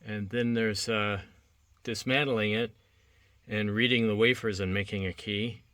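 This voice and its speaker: A man who works as a locksmith, giving a casual hands-on demonstration and thinking aloud in a relaxed, halting way while he works. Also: lowish voice. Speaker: locksmith demonstrating key making.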